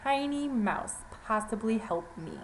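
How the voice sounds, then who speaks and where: A woman's voice: a little high, animated, takes it slowly, slight background noise, poor audio. A woman voicing a big, hungry male lion who speaks in a proud, dismissive way in a storytelling performance. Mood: scornful.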